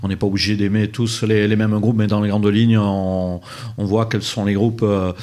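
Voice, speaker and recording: A man's voice: lowish voice, level tone, normal speed, mellow. A man interviewing a band, rambling with many hesitations and fillers. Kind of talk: casual interview.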